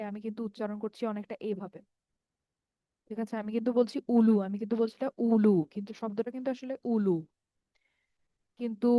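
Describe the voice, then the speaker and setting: Woman, Bangladeshi Bengali accent, patient teacher, mellow tone, dry close sound. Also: mid-range voice, no echo. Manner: patient, explains step by step, checks understanding. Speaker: Arabic grammar teacher. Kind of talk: online lesson.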